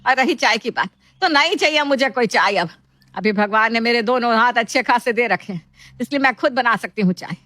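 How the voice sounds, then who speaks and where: A woman voicing an older mother-in-law in an animated family story, slow and grumbling. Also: medium pitch, no room sound, clean studio sound, lightly acted. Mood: scolding.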